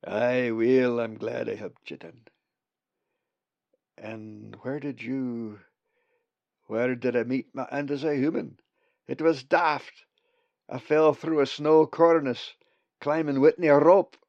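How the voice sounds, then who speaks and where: A man voicing a warm old male raven with a Scottish accent and a broad, cheerful brogue. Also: mid-range voice, fairly even intonation, takes it slowly, vocal fry, pauses often, no room sound, pitched above the performer's own voice. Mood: rueful. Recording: dull dry lo-fi recording.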